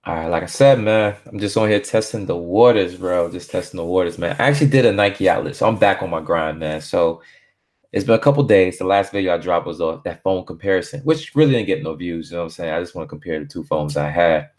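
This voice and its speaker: A Barbados-born man with a very low, deep voice hosts a casual live stream from home. He talks fast and a little mellow, in a laid-back, slangy way, leaning on filler phrases as he rambles.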